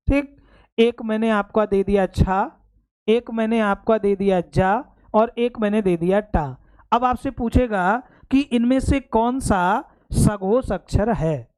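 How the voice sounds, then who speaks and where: एक पुरुष हिंदी शिक्षक, जो परीक्षा की तैयारी के लिए कक्षा में समझाता है और बार-बार पूछता है कि बात समझ आई या नहीं।. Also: male voice, sits high, a little mellow, smooth. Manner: explains step by step, keeps checking understanding; addresses students fondly as "beta". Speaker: Hindi teacher. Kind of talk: exam-prep classroom lecture.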